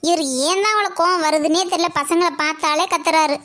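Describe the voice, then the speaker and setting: A woman's voice: very high-pitched, steady tone, fairly quick, fairly bright tone. A woman voicing Nisha, a chatty little cartoon girl who complains about her father. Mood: complaining. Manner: complaining, whiny. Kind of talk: cartoon comedy acting.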